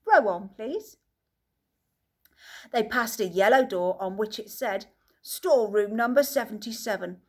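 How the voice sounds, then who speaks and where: A woman's voice: mid-range voice, moderate pace. Woman reading a children's story aloud. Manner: lively storytelling. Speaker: audiobook reader. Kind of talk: children's book narration.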